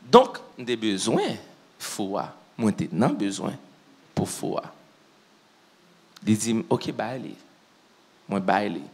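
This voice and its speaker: A man's voice: on the low side, takes it slowly, pauses often, breathy edge. Man telling a sermon story. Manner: animated storyteller who acts out what people said. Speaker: preacher.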